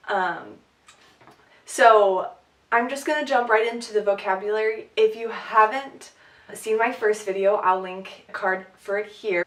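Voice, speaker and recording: A woman with a cold gives a casual, chatty sign language lesson full of "um"s and light laughs, sounding sick, sniffly and a bit short of breath. Her medium-pitched voice is a bit bright, recorded far from the mic in an echoey room.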